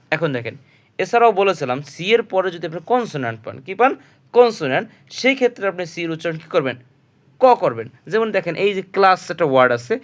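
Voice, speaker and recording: Bangla english tutor guy, slightly high voice, asks then answers himself over and over. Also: a bit bright. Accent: Bangladeshi Bengali. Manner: patient, repetitive, poses questions then answers them. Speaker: English teacher. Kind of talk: spoken English pronunciation lesson.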